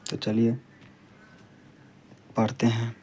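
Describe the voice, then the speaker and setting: A man's voice: medium pitch, takes it slowly, slight background noise. A man teaching a grammar lesson to students, explaining steadily and repeating key points so they stick. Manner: plain, steady explaining with frequent "ठीक है". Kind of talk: classroom lesson.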